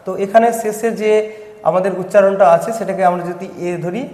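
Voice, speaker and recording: A man with a fairly high voice and a Bengali accent, patiently walking students through a poem step by step. His voice rings in an echoey room with a long, trailing reverb. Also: steady tone, brisk, darkish tone. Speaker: teacher. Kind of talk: line-by-line poem explanation lesson.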